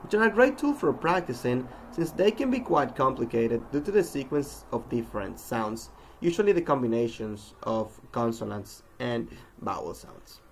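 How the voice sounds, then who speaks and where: Gravelly man with a lively teaching voice. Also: mid-range voice, a little hiss or hum, poor audio. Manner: deliberate, demonstrates sounds slowly with example words. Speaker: pronunciation teacher. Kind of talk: recorded English pronunciation lesson.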